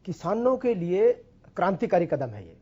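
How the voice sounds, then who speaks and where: Male party spokesman, insistent, fairly high voice, dull lo-fi line. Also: big pitch swings, normal speed, dark tone, breathy edge. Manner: insistent, presses to keep the floor. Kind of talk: TV news debate.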